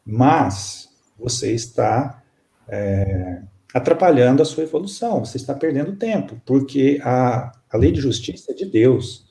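Calm mellow-voiced man telling a story. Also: mid-range voice, vocal fry. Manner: calm, halting, many fillers. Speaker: spiritist counselor, guest. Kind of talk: storytelling in an interview.

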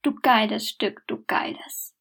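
A woman voicing a vain, bossy male dragon who talks slowly and crudely in a storybook reading. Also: high voice, a bit bright. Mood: boastful.

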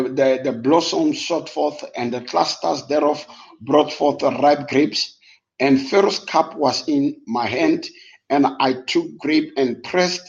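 Preaching a Bible lesson over a live stream, this native Sotho-speaking South African man moves between English and Sotho, relying on rhetorical questions and emphatic repetition. He has a fairly high voice with a darkish tone, and the audio is dull and lo-fi.

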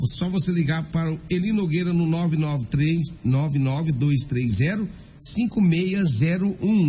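A man's voice: a little high, warm tone, slightly rough. A Brazilian man hosting a radio news programme, reading news and live ads in a colloquial, chatty way that addresses listeners directly. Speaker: radio crime-news host. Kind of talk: informal news commentary and live-read advertising. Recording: music bed under the voice. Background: background music.

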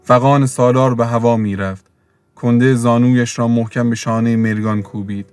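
A man reading a novel aloud in steady, measured scripted narration, with faint music behind. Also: medium pitch, clean tone, no room sound. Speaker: audiobook narrator.

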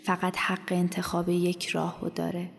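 A woman narrating in a slow, half-whispered, creaky voice. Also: lowish voice, monotone. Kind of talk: scripted narration. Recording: long echoing reverb.

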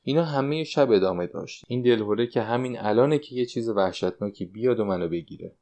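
A retired stage dancer in her late sixties confides her fears and longings in a fretful, wistful way, voiced by a man reading an audiobook. The voice stays fairly low. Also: warm tone, lightly acted. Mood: confiding. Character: anxious 69-year-old woman, former stage dancer.

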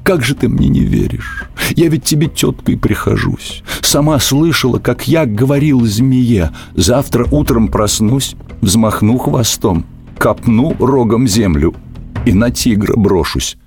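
A man's voice: mid-range voice, a little slow, darkish tone, soft background music, voice pushed up, natural voice. A man voicing a sly, scheming female fox who whines and pleads in a storybook tale. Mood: whining, sly. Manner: whining, plaintive pleading.

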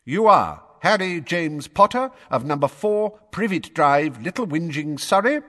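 A man's voice: fairly high pitch, expressive, measured pace, sharp tone, long reverb tail, pitched above the performer's own voice. A man doing a pompous, testy official. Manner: pompous, testy, reading charges formally. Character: blustering testy male minister, middle-aged official.

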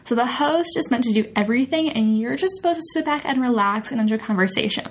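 A woman hosts a podcast lesson with a slightly high, breathy voice. She chats casually in English and then says each Italian phrase slowly and carefully, twice over. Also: animated. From United States. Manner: repeats Italian phrases slowly and clearly, chatty asides. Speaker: podcast host and Italian teacher.

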